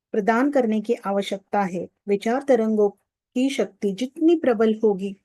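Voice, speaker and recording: A woman narrating a spiritual audiobook in a steady, even reading voice, recorded close to the mic in a studio booth. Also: on the high side, no room sound.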